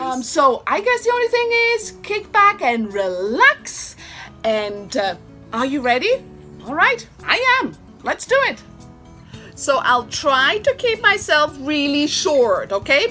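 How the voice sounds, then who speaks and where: A chatty middle-aged woman with a Swiss accent talks straight to her viewers, calling them guys. Her voice sits high and swoops lively up and down, with a bright, crisp edge. Soft music plays behind her. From Switzerland. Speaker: vlogger. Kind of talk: personal storytelling to camera.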